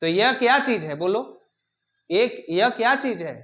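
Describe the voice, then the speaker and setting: High-voiced male teacher quizzing students. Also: animated, unhurried, a bit bright. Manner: drills students with repeated questions, urging them to answer. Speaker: English teacher. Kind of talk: classroom grammar lesson.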